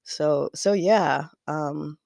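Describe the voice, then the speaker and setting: A woman from Kazakhstan, a knitwear designer appearing as a podcast guest, chats in a casual interview with a Kazakh accent, rambling and laughing often. Her voice is low, gravelly and darkish, and she speaks very slowly. The studio sound is clean, with no echo.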